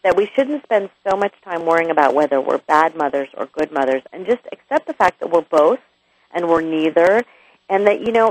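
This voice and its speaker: A woman's voice: medium pitch, slightly rough, low-quality recording. A woman author guesting on a radio interview, talking candidly and chattily with frequent restarts and asides.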